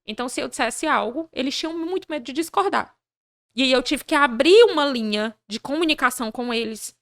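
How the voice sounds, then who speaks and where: A woman as a podcast guest, talking about leadership in a lively conversational way and acting out the people in her stories. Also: sits high, a little fast, dry recording, studio quality. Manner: animated, acts out dialogue in her stories. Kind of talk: conversational interview.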